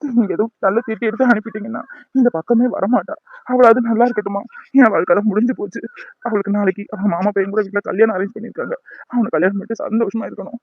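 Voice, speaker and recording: A badly hurt young man in a cartoon, played by a man, pained and resigned, pleading softly with his mother. He speaks quickly in a high voice, and the dry recording sounds dull and lo-fi. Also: steady tone, no echo. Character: gravely injured young man, weak and pained. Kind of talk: cartoon voice acting.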